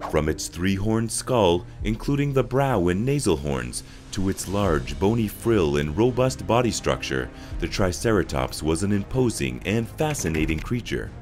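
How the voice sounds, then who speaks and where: Animated low-voiced male documentary narrator. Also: normal speed, few pauses, soft background music.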